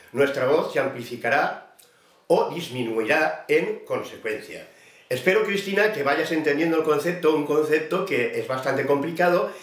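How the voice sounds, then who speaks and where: A man's voice: on the high side, echoey room. A man giving a vocal technique lesson, explaining patiently and speaking to his student by name. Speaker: voice teacher.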